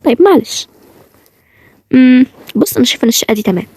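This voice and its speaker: A woman performs a bossy young Egyptian woman who snaps and bickers in a fan audio drama. She talks at a furious pace, slightly high in pitch, with a mellow, dark tone. The sound is dry and close. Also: expressive, breathy edge, no room sound. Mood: impatient. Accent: Egyptian Arabic. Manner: rapid, bickering delivery. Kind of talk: amateur audio drama acting.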